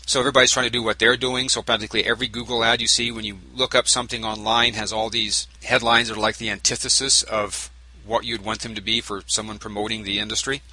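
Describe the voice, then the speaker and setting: A talk radio host with a sore throat chats conversationally, full of fillers and restarts. His voice sits on the low side, flat but fast, with a bright, forceful tone. The audio quality is poor.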